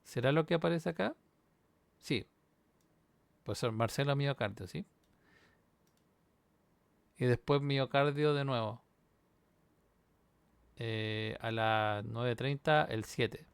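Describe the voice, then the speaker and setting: A university instructor with a mid-range male voice talks slowly and smoothly, with vocal fry and frequent pauses, in a dry recording. He walks the class through a programming exam solution on screen step by step, checking in with "¿sí?" as he goes in this screen-recorded coding walkthrough.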